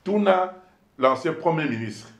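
A man with a Congolese accent, a politician being interviewed, telling his story in an animated, emphatic way and switching between two languages. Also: a little high, a little slow. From Democratic Republic of the Congo. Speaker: politician guest. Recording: echoey room.

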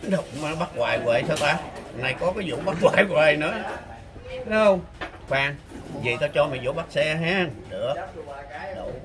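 This Southern Vietnamese-accented man mocks and needles his rival over a street chess match, bragging and laughing as a crowd chatters behind him. He sounds fairly high and animated, talking at normal speed with frequent pauses.

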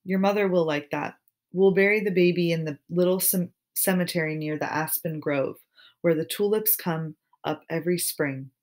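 Brief: woman voicing a quiet, halting grieving father in a storybook, low-ish voice. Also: lightly acted. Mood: subdued. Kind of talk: audiobook character reading.

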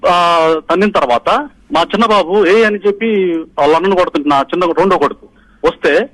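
Over a phone line with low-quality sound, a middle-aged man from Andhra Pradesh speaks in a high, fairly bright voice at a brisk pace. A party polling agent, he gives the media an urgent, pressing and emphatic account.

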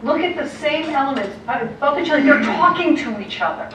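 Speaking in a high-pitched voice, an American woman art historian lectures clergy in a lively, illustrated talk, tossing in quick asides and acting out quotes. She's at a lectern far from the camera in a big, dim auditorium with a projector screen, caught by a distant room mic, so the hall echoes and a faint hiss runs underneath.

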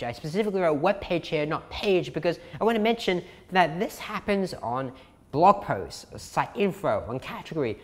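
Sounding as though he's in a large hall, a young man with a fairly high-pitched voice explains SEO casually to camera from his living room for an online course. He's talkative and emphatic, going back over key points, and his voice is wearing out from the long session.

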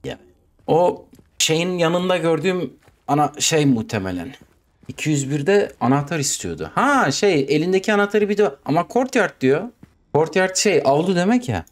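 A man's voice: a little high, sing-song, moderate pace. A young man with a Turkish accent, commenting as he plays a horror game, jumpy and swearing, talking to himself and the game. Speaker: gaming YouTuber.

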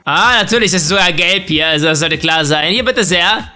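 A young man giving animated, joking commentary while playing a drawing game and talking to its characters. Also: high-pitched, a little fast, soft background music. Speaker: gaming YouTuber. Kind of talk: casual let's-play commentary.

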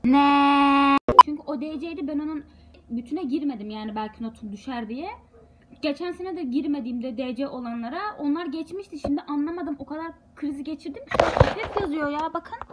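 A woman's voice: high voice, brisk, very noisy. A young woman, a university student, chatting casually to her viewers in a frustrated, rambling way. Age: young adult. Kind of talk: casual vlog talking to viewers.

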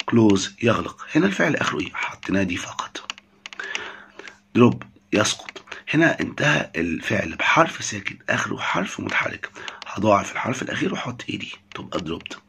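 A man's voice: fairly low pitch, gravelly, bright, forceful tone, slight background noise. A man with an Egyptian Arabic accent teaching English vocabulary, saying each word twice and explaining it in Arabic.

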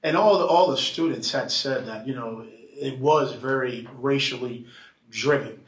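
A man talking earnestly in a casual discussion, halting with many fillers as he recalls an experience. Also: medium pitch. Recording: roomy echo, mic at a distance.

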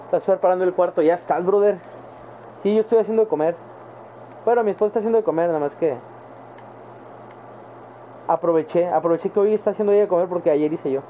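A man's voice: high-pitched, fast, long pauses. A young adult man with a northern Mexican accent, chatting casually and rambling in slang to his viewers during a live game stream. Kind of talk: casual chat while gaming live. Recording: tinny phone-like sound with faint background noise.

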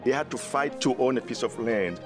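A man's voice: mid-range voice, fairly quick, over music. A middle-aged man from Haiti with a Haitian accent, a theater director speaking earnestly in an interview, with many restarts. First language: Haitian Creole. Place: indoor theater seating.

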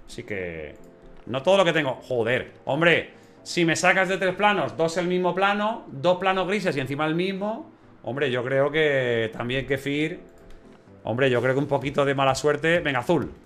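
A man giving casual gameplay commentary, chatty and excitable, often checking in with his viewers. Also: on the high side, moderate pace, soft background music. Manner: chatty, says 'vale' and 'ojo' often, excitable outbursts. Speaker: gameplay channel host.

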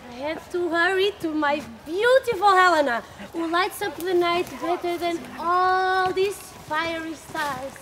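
A fickle young male lover, played by an actress on an outdoor stage. He speaks in a high voice, blunt and dismissive. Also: a little slow, few pauses, a bit bright. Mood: cold.

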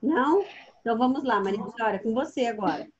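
A woman's voice: a little high, expressive, fast talker, dull audio, a loud crowd. A woman teaching a primary school class over a video call. She asks her pupils patient questions and calls on them by name. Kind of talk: online class instruction.

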